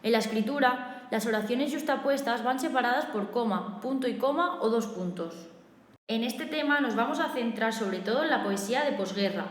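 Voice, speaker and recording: A female teacher with a Spanish accent reading a recorded review lesson in a steady, methodical way, listing points one by one. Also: fairly high pitch, normal speed. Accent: Spain. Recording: echoey room with long reverb.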